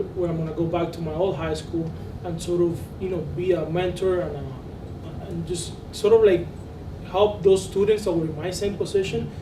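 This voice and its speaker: A man from Cuba, a law student, speaking sincerely on a panel and repeating words as he thinks. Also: on the high side. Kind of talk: panel discussion. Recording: roomy, distant, noisy.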